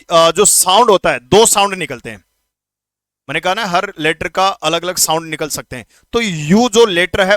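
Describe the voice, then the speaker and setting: Here the grammar instructor's voice is high and a bit bright, recorded without room sound. Preparing students for an English exam, he speaks to them informally, throws out quick questions, and says words slowly over and over for pronunciation practice.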